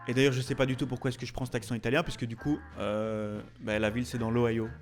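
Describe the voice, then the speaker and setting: A fast-talking man with a mid-range, level voice hosts a YouTube video, a tattoo artist offering jokey, casual commentary with theatrical, mock-indignant asides. Music plays behind him.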